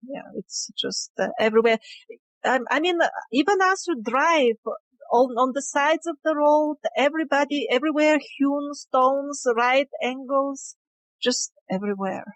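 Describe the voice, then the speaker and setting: A high-voiced woman at a measured pace, an independent researcher being interviewed, walks through her field findings conversationally. She sounds emphatic but hesitant.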